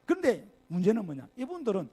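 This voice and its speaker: A man's voice: sits high, wildly swooping pitch, fast, mellow, husky. An older man, a pastor, preaching a sermon in a Gyeongsang accent, chatty and full of asides and rhetorical questions. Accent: Gyeongsang Korean. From Gyeongsang region, Korea. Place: church sanctuary.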